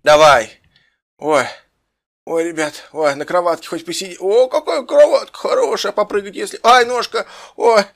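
A man playing a clumsy, injured young man in an improvised game role-play, groaning and complaining, with quick comebacks. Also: sits high, creaky, a bit bright. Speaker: Minecraft role-play player.

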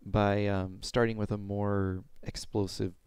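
Low, creaky young man teaching. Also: level tone, a little slow, a little mellow, no echo, clean studio sound. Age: young adult. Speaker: pronunciation teacher. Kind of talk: informal instructional explanation with demonstrated sounds. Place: small room at home. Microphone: headset.

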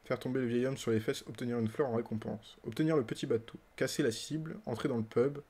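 Male streamer, mid-pitched, playful running commentary, chats with game characters. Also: steady tone, quick pace, a little mellow, husky. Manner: playful, laughs often, talks to game characters. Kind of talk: casual let's-play commentary.

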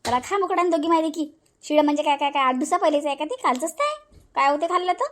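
A woman's voice: high voice, lively intonation, fast. Woman playing a defiant, taunting cartoon daughter-in-law. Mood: scolding. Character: bold, sharp-tongued young daughter-in-law.

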